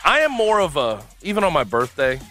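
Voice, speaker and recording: A man's voice: on the high side, big pitch swings, a little fast, bright, forceful tone, soft background music. A man hosting a sports talk radio show in a radio studio, chatty and emphatic.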